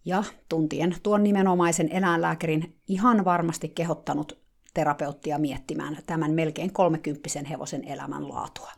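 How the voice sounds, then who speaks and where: A woman's voice: deep voice, fairly even intonation, vocal fry. A woman telling a dramatic first-person diary story in a confiding, casual way.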